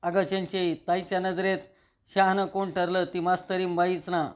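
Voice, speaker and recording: A woman's voice: on the low side, flat delivery, normal speed, close to an everyday voice. A man reading the lines of a fretful, scheming middle-aged mother who scolds her daughter. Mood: scolding.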